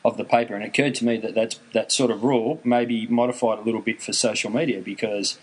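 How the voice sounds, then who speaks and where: A man's voice: on the low side, fairly even intonation, fast talker, husky, rough recording. A man with an Australian accent hosting a casual chat, telling stories in a dry, wry way. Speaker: podcast host.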